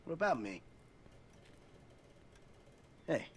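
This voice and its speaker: A man's voice: fairly high pitch, big pitch swings, drawn-out words, husky, exaggerated voice. A man voicing a jaded middle-aged ex-robber in a game cutscene, bitter and sarcastic, swearing often. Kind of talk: video game cutscene acting.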